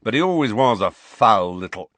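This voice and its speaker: A man's voice: fairly low pitch, big pitch swings, moderate pace, fairly bright tone, no echo, voice pushed up. A man voicing an impatient, irritable grown man who speaks curtly and with disdain. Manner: curt, snapping, disdainful. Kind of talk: audiobook character voice.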